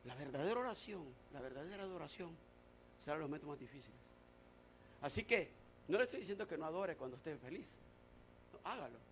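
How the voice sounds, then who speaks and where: A male pastor preaching a sermon, who moves from shouted declarations to quiet, confiding talk. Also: fairly high pitch, animated, fast, pauses often, slight background noise.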